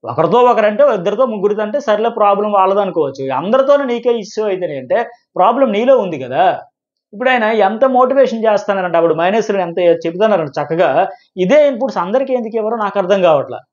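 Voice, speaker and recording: A middle-aged man with a Telugu accent delivers a reality-show review at a breakneck pace. His voice sits high and he keeps firing rhetorical questions. The recording has a dull, muffled lo-fi quality. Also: lively intonation, darkish tone. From India. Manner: rapid, argumentative, rhetorical questions. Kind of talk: fast opinionated commentary. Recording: dull lo-fi sound.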